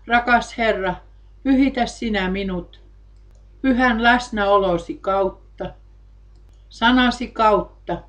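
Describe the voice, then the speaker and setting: A woman delivering a sermon in a solemn, measured way, quoting scripture along the way. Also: mid-range voice, highs cut off. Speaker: preacher.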